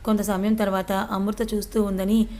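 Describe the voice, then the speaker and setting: A woman narrating a love story in a steady, even storytelling manner. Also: medium pitch, moderate pace.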